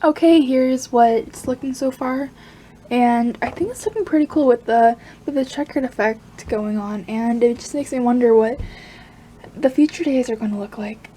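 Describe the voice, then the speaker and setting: A woman chatting casually about her crochet project, rambling and laughing softly between thoughts. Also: fairly high pitch, moderate pace, a little hiss or hum. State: hiccups. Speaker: crochet vlogger. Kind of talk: casual chat.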